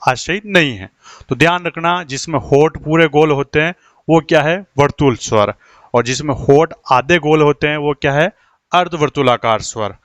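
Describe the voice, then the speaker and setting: A man's voice: fairly high pitch, fairly bright tone, no echo. Male teacher quizzing his class. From India. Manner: asks rhetorical questions and answers them himself, slows down while writing on the board. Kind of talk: Hindi grammar lesson.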